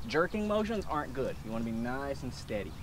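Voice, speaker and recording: A man's voice: mid-range voice, very animated, quick pace. A young man hosting a fishing video from a small boat, coaching his wife as she reels in catfish, in a casual, instructive way. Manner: coaching, talks his wife through landing fish. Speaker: fishing channel host. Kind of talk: casual outdoor fishing chat. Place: small boat on a river outdoors. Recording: loud outdoor wind and water noise.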